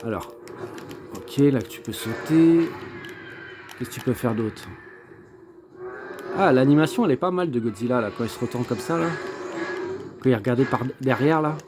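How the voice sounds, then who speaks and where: A man's voice: medium pitch, expressive, moderate pace, long pauses, over music. A man giving casual gameplay commentary as a game reviewer, thinking aloud and hesitant, with many fillers. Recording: clear background noise.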